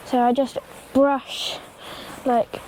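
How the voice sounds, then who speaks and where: A teenage girl with a slight cold and a high, dark-toned voice casually explains horse grooming for her horse-care vlog, standing beside a pony in an outdoor stable yard. Her tone is level and her words drawn out, and she rambles chattily with many ums and likes, talking to the pony too. The recording is rough, with slight background noise.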